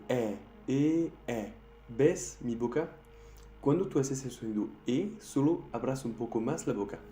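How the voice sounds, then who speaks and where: A young man, a French speaker with a French accent, teaching a pronunciation lesson and sounding out each sound slowly and carefully. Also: mid-range voice, dark tone. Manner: slow, careful demonstration of sounds. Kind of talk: language lesson. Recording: echoey room with faint music.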